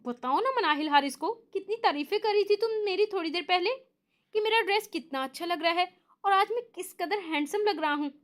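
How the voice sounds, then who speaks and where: A woman's voice: extremely high pitch, a little fast, fairly bright tone, voice pushed up. A woman voicing a cheeky young man who teases in a mock-innocent, boastful way.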